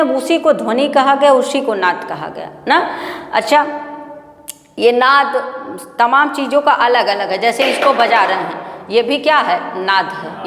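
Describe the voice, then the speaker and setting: Woman, teacher, grammar lecture, asks and answers her own questions, roomy echoey classroom. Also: high-pitched. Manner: explains step by step, asks questions and answers them herself. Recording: echoey classroom with long reverb.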